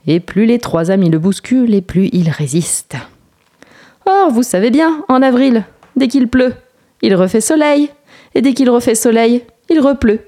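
Mellow woman reading a children's story. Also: medium pitch. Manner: expressive, lilting.

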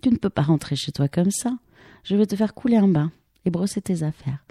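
Brisk, commanding grown woman in an audiobook, read by a female narrator; husky, dark tone, dry sound. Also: lowish voice, expressive, no echo. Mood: brisk teasing. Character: brisk, teasing grown woman scolding a boy.

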